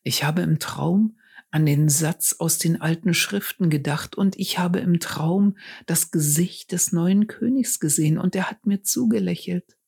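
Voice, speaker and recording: A woman reading the part of an old male shepherd who tells of a dream, speaking slowly and often in a hushed, half-whispered voice. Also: on the low side, gravelly, husky, exaggerated voice. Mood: wondering, tender. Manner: slow, hushed, partly whispered.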